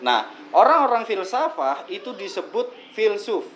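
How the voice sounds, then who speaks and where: A man's voice: high voice, big pitch swings, measured pace, a bit bright. A man with an Indonesian accent, a guest on a casual podcast, explaining Sufi ideas with everyday examples and a joking ease. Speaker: guest speaking on Sufism.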